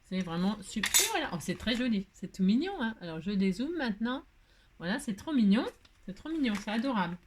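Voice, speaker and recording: A woman's voice: mid-range voice, very animated, fairly quick, background noise. A middle-aged woman hosting a crafting tutorial, rambling and joking at herself as she works. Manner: rambling, self-mocking, hums and sings snatches of tunes while working.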